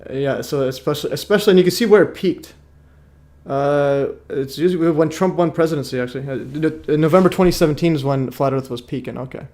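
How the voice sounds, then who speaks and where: A man's voice: fairly high pitch, quick pace, darkish tone. A tired man born in Iraq hosts a livestream, rambling with many fillers and restarts. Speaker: livestream host. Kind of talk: casual livestream chat.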